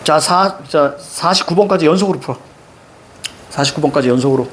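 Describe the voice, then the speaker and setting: A male teacher giving a classroom lecture on exam questions, brisk and instructive, checking in often with quick rhetorical questions. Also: on the high side, fairly bright tone, a little hiss or hum. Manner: brisk, instructive, keeps students marking text.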